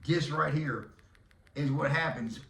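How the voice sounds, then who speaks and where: A man's voice: a little high, slow pace, vocal fry, fairly bright tone, far from the mic. A Texan man in his fifties hosting a podcast, rambling and joking in casual talk, breaking into hollers now and then. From Texas. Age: 50s. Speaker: podcast host. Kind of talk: casual monologue. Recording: echoey room, off-mic.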